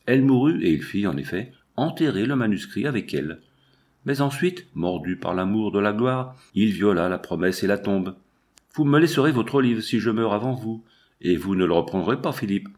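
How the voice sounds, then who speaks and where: A middle-aged man reading a literary novel aloud in a measured, grave manner, dropping to a soft murmur in quiet passages. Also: lowish voice. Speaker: audiobook reader. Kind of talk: literary audiobook narration.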